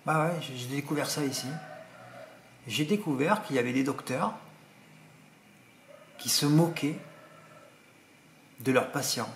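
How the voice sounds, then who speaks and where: A man from France talks straight to his viewers in a loose, rambling monologue, circling back over the same words and getting indignant as he goes. His voice sits at an ordinary middle pitch. The recording is roomy and echoey, with faint noise behind him. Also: unhurried, pauses often. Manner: rambling, repeats himself, indignant. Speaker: vlogger.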